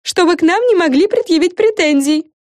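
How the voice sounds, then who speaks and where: Woman doing a squeaky vain fairy girl. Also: expressive, a little fast, darkish tone, no echo, clean studio sound. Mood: showy. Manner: bossy, self-important. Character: bossy vain young fairy girl, showoff.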